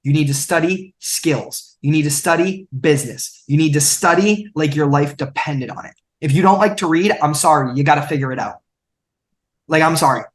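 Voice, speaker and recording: This young man, a podcast guest in his twenties, has a slightly high voice at normal speed. He speaks emphatically and coaches his listeners through a motivational conversation, dramatizing quotes as he goes.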